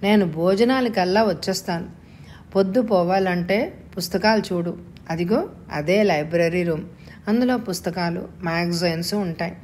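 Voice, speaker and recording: A woman's voice: on the low side, moderate pace, a little mellow, a little hiss or hum, close to an everyday voice. A woman voicing a suave, wealthy young man who speaks with playful confidence in a storybook reading. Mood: teasing.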